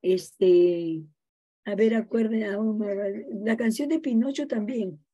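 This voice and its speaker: A middle-aged woman teacher gives an informal class talk. She keeps checking in with her students and fills pauses with small words. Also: medium pitch, dark tone, highs cut off. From Peru. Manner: chatty, checks in with frequent "no?" tags and fillers. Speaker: college teacher.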